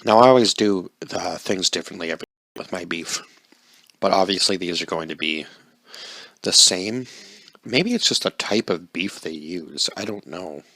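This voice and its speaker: A man's voice: deep voice, normal speed, bright, forceful tone, no room sound. A man casually reviewing a microwave meal, rambling and unsure of himself, talking while he eats. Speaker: food reviewer. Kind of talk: casual food review vlog.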